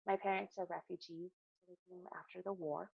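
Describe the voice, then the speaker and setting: A middle-aged American woman from Connecticut speaks earnestly as an interview guest, explaining things from her own experience and repeating phrases for emphasis in conversational talk. Her voice is on the low side, flat, creaky, and slightly rough, a little fast, captured in a dry recording with narrow, tinny audio.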